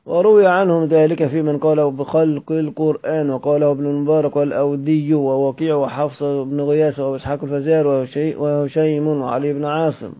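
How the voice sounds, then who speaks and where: A man teaching from a classical book, reading it aloud in a measured way and going back to repeat or correct words. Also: on the high side, level tone, warm tone. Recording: dull lo-fi recording.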